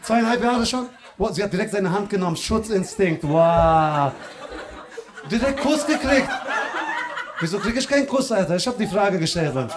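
A male stand-up comedian doing teasing, loud crowd work in a live club, with a slang manner. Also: high-pitched, expressive, background noise. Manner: teasing, loud, fast banter with slang fillers. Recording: live room with crowd laughter. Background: audience laughter.

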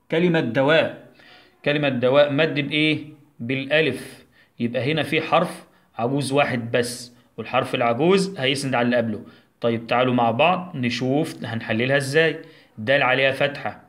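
A man with an Egyptian Arabic accent, a primary school teacher giving a recorded lesson for young children, who asks questions, answers them himself, and slowly sounds out syllables. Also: medium pitch, fairly bright tone.

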